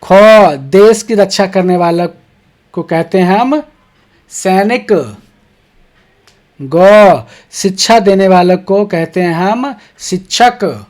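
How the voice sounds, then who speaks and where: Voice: mid-range voice, animated, slow, darkish tone. A teacher reading textbook questions aloud to young children and then explaining the answers, stopping often to check in with "ठीक है".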